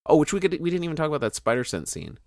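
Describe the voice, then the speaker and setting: A man's voice: fairly high pitch, very animated, very fast, no echo, clean studio sound. A man co-hosting a casual movie discussion, talking in rambling, self-interrupting bursts. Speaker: podcast co-host.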